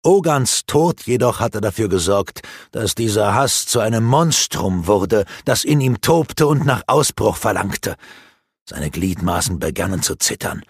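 A man's voice: on the low side, animated, a little slow, breathy edge, dry recording, studio quality. A man narrating a fantasy audiobook in a dramatic, varied way.

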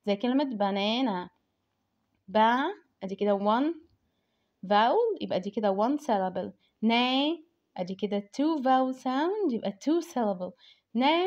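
An Egyptian woman teacher with a somewhat high voice walks parents through a lesson. She stretches each example word out slowly and clearly. The audio is muffled and lo-fi. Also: a little mellow. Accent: Egyptian Arabic. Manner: slow, drawn-out demonstration of words. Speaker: English teacher.

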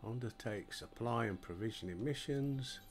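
An older man from Yorkshire, England, chats casually to himself and his viewers as he plays a game, streaming on a headset mic at home. His mid-range voice moves at a moderate pace, with faint music behind him.

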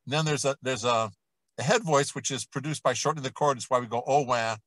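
A man voice coach leading a vocal warm-up lesson, explaining each exercise and then demonstrating it with sung vowels and scales. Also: medium pitch, fast, no room sound, rough recording.

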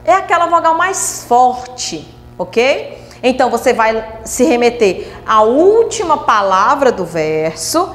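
A woman teaching a recorded class, explaining slowly and sounding out syllables, checking in with her students as she goes. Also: high-pitched. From Brazil. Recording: echoey room with long reverb.

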